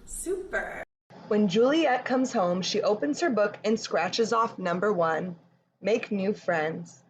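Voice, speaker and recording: In a mid-range, expressive voice, a woman from Canada takes her time reading a picture book to children and walking them through yoga with simple, encouraging cues. The room sound is echoey, the mic distant, and there's background noise.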